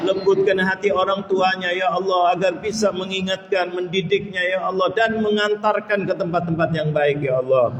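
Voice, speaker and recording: A man's voice: sits high, steady tone, normal speed, hardly any pauses, highs cut off. A man preaching, asking rhetorical questions and chanting prayers. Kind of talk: mosque study sermon and prayer. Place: large mosque hall. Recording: echoey hall with long reverb.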